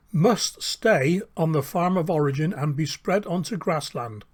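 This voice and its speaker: A man's voice: a little high, no echo. Indignant older man vlogging. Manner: indignant, emphatic, repeats key words. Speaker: gardening vlogger. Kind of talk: casual vlog commentary.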